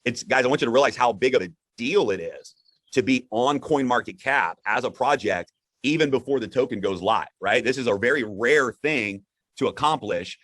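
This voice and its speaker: A man hosting a live broadcast in an upbeat, conversational way, often halting and repeating words as he goes. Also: medium pitch, a bit bright, no room sound. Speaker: host.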